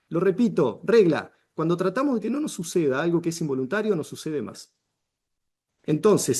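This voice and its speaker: A man's voice: sits high, dark tone. A middle-aged man with a Rioplatense Spanish accent, teaching a public speaking workshop to camera, emphatic and full of rhetorical questions. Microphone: camera he controls with arm signals.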